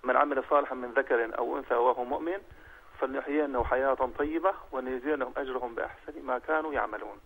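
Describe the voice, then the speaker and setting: A man calling in to a program over a phone line, asking questions in a halting way with many fillers and reciting verses. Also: medium pitch, fairly even intonation, a bit bright, husky. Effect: heard over a phone line. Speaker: caller.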